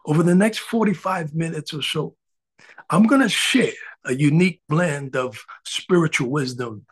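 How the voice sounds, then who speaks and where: A man's voice: a little high, moderate pace, husky. A middle-aged man from the Dominican Republic, a spiritual coach speaking earnestly to a live audience with frequent filler sounds.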